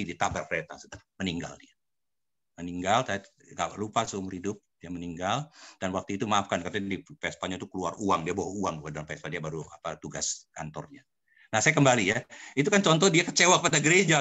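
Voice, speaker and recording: A man's voice: lowish voice, fairly bright tone. An older man, a pastor, teaching a church study group and telling personal stories, often addressing listeners directly. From Indonesia. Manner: addresses listeners as "Saudara", storytelling.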